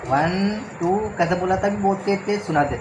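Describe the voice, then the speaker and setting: A man's voice: high-pitched, brisk. A man from the Garhwal hills with a Garhwali accent, chatting casually as a family vlogger and father at home, rambling and coaxing his child. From Garhwal hills, India. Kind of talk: casual home vlog chat. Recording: home recording with clear background noise.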